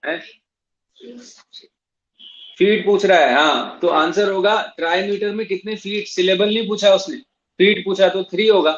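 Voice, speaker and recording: In a classroom also streamed online, a high-voiced man teaches English literature, moving between Hindi and English, spelling terms letter by letter and repeating each point. He speaks unhurriedly in a steady tone with long pauses. The recording is dull and lo-fi.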